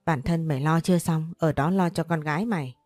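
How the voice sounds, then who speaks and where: A woman's voice: low voice, a little fast, a little mellow, no echo, faint music behind. A woman voicing a spiteful, cruel young aunt who talks in harsh, contemptuous threats in an audio story. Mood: sneering threats.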